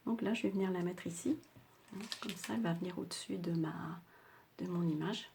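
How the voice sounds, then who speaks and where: Soft-spoken older Frenchwoman with a sore throat. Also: lowish voice, a little fast, vocal fry, background noise. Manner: chatty, hesitant, many fillers. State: slightly sore throat, speaking softly. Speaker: craft tutorial host. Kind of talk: casual craft tutorial.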